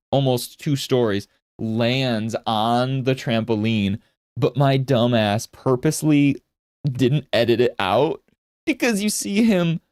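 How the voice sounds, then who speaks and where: Thirties male art instructor, casual and chatty, lowish voice, dry booth-like sound. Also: a little mellow, dry recording. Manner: rambling storyteller, checks in with "right?". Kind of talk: casual teaching while drawing live.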